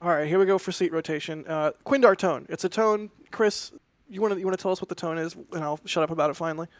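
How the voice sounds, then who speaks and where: A man's voice: fairly high pitch, quick pace, no room sound. A man hosting casual live launch commentary, chatty and often interrupting himself. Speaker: livestream host.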